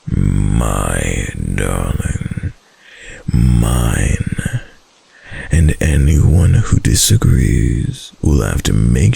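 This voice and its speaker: A man voices a doting, possessive yandere kitsune husband in an intimate romantic ASMR roleplay, using an exaggerated, very deep, gravelly, husky voice that often breaks into a whisper. He murmurs slowly, softly, and adoringly with lingering pauses, in a playful, possessive mood.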